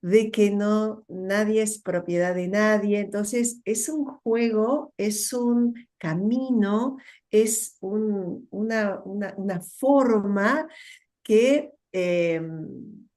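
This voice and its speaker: A woman's voice: medium pitch, drawn-out words, darkish tone. Reflective Rioplatense woman, middle-aged. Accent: Rioplatense Spanish. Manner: thoughtful, with many fillers and repetitions. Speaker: guest. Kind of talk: reflective conversational interview.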